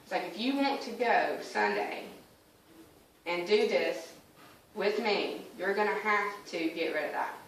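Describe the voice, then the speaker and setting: A woman's voice: medium pitch, lively intonation, unhurried. A woman gives her personal testimony as a church member, telling the story in a conversational way and voicing her exchanges with God. She is recorded from a distant mic, so her voice comes across roomy and very echoey. A faint hiss of noise sits under her speech.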